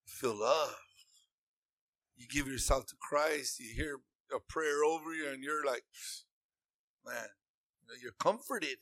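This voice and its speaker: A man's voice: medium pitch, normal speed, fairly bright tone, no room sound. A man preaching a sermon in an earnest, repetitive way that rises into emphatic bursts.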